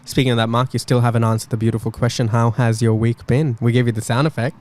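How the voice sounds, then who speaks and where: Aussie guy hosting a live panel chat, mid pitch, talks in quick bursts. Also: little pitch movement, a little mellow. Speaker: podcast host.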